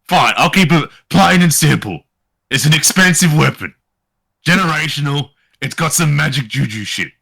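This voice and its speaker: A man's voice: a little high, expressive, moderate pace, vocal fry, a bit bright, husky, pitched above the performer's own voice, heavily acted. A man voicing a curt, grumbling male shopkeeper in a tabletop game. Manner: blunt, dry, grumbling.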